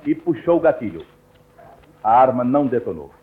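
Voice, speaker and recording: A man with a Brazilian Portuguese accent, narrating a radio program in a solemn, measured storytelling manner. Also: mid-range voice, sing-song. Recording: narrow, tinny old radio recording.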